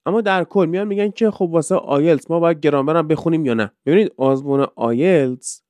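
Smooth-voiced Iranian teacher giving casual advice. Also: male voice, on the high side, darkish tone, no room sound. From Iran. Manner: conversational, explains with rhetorical questions. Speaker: English teacher and podcast host.

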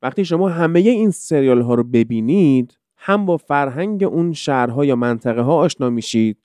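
A man's voice: medium pitch, animated, a little mellow, clean tone, dry recording. A man hosting a casual podcast lesson, explaining with many examples and rhetorical questions. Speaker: podcast host teaching English.

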